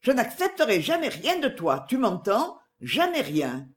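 A reader voicing a defiant, ironic middle-aged woman with sharp, indignant retorts, in an audiobook. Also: fairly high pitch, huge pitch swings, measured pace, voice pushed up. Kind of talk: audiobook dialogue.

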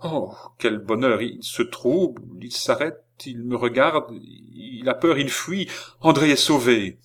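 A man's voice: medium pitch, slow pace, pitched above the performer's own voice. A man voicing a frightened young woman in a trance, speaking in breathless, pleading cries. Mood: anguished.

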